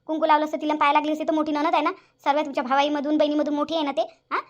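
A woman's voice: high-pitched, level tone, rapid-fire, lo-fi sound, lightly acted. A woman voicing a nagging cartoon mother-in-law. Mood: scolding. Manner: nagging, scolding, sarcastic. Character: bossy older mother-in-law, quick to scold and complain. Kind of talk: cartoon voice acting.

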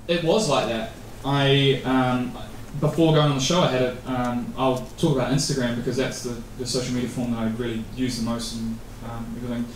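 With a flat delivery at medium pitch, this man from New Zealand speaks briskly and rarely pauses. He's a casual guest speaker in his thirties giving rambling interview answers at a meetup, with many fillers and restarts. The mic sits far away in a noisy event venue that echoes.

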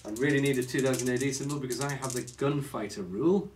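A man's voice: medium pitch, quick pace, a little mellow, distant mic, a little hiss or hum. A man playing a tabletop miniatures game, patiently explaining the rules in casual chat and laughing often.

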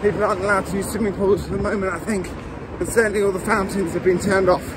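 Guy doing a casual running vlog outside, voice a bit high, street and traffic noise, short phrases with pauses. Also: steady tone. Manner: talking while out running, pausing between short phrases. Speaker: vlogger filming a training run. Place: outdoors on city streets and park hills. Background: city traffic and outdoor ambience.

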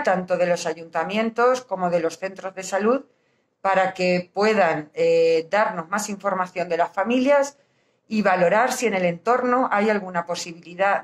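Castilian Spanish woman talking through a face mask. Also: mid-range voice. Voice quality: slightly muffled, speaking through a face mask. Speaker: hospital social worker. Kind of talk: informal explanatory talk to camera. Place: small indoor hospital office.

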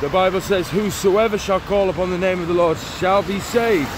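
A forty-something street preacher vlogs while walking a town street in the rain, his phone held at arm's length. At a moderate pace and in a voice a bit high for a man, he preaches with earnest urgency, repeating the same points. Clear traffic noise carries on behind him.

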